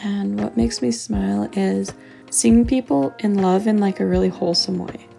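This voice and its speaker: Canadian woman caller, strong fry, mellow tone, soft and gushing. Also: mid-range voice, fairly even intonation, normal speed, faint music behind.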